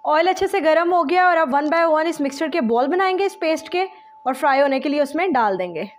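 A woman calmly talking through a home cooking recipe step by step, as a voice-over. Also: sits high, a little fast. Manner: calm step-by-step instructions mixing English words. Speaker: home cooking channel host.

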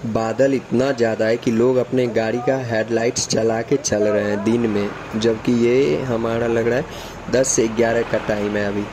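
Male travel vlogger, mid-range voice, narrating from a bus on a mountain road, clear rumble of traffic underneath. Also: level tone, normal speed. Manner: chatty, enthusiastic about scenery, addresses viewers. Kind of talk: casual travel vlog narration. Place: inside a moving bus on a foggy mountain road. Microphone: handheld camera by the bus window. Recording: clear vehicle noise behind. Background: bus engine and road noise.

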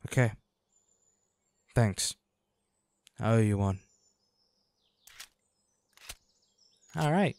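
In an audio roleplay, a man plays a devoted boyfriend who is also a weary, protective monster hunter. He speaks earnestly and with determination in short, halting phrases, his medium-pitched voice darkish in tone with no echo.

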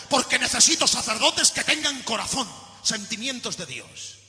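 A man from Spain preaches an impassioned sermon, swinging from shouted peaks down to low, quiet lines. His voice is very high and piercingly bright. It is recorded in an echoey church hall with a long reverb tail and faint music. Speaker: pastor.

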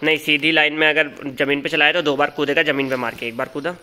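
A man giving excited live commentary as he calls out a boss's moves and talks to his character. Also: fairly high pitch, fast. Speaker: gaming channel host.

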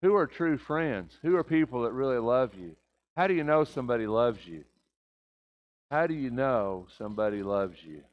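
A man's voice: medium pitch, lively intonation, normal speed, muffled recording. Older man preaching with rhetorical questions. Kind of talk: sermon. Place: church sanctuary.

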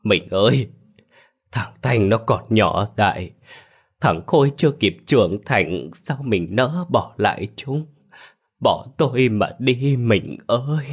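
A man's voice: fairly low pitch, lively intonation, takes it slowly, breathy edge, heavily acted. A man voicing a grieving middle-aged landowner who wails and laments over his dead wife in a spoken ghost story. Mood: wailing grief. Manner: wailing, lamenting.

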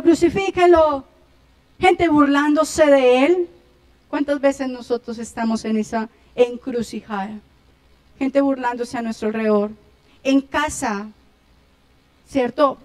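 Colombian woman pastor, high voice, impassioned sermon, loud-to-hushed swings. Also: big-room sound. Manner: impassioned, swinging between loud emphatic phrases and hushed ones.

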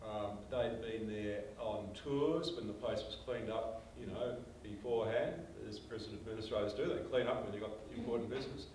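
Speaking at normal speed with few pauses, this older Australian man has a lowish, darkish voice. He's a panelist in a small meeting room, telling emphatic stories and gesturing while he talks, captured from far off in an echoey room with slight hiss or hum.

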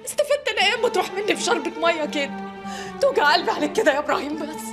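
A distraught, reproachful Egyptian woman rattles off her lament in a very high voice. She speaks very quickly, and a film score plays under her. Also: lively intonation, music in the background. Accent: Egyptian Arabic. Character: distraught working-class woman fretting over her man. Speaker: grieving relative.

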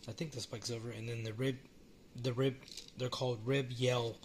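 A man casually talking through a hobby model car while filming it one-handed at home, relaxed and rambling with frequent restarts. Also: medium pitch, moderate pace, slight background noise. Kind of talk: casual off-the-cuff vlog. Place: small indoor room at home.

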